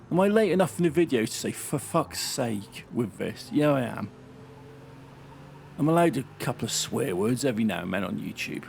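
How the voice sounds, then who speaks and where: A man's voice: medium pitch, vocal fry, darkish tone, a little hiss or hum. Man muttering through a racing game. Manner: chatty, muttering running commentary on a race. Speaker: gaming channel host. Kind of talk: casual game commentary.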